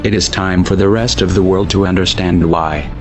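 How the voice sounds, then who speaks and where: Man with a disguised, very deep voice. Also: steady tone. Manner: grave, measured declaiming. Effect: disguised, pitch-lowered voice. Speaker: anonymous narrator. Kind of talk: scripted manifesto narration. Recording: dull lo-fi voice over loud music.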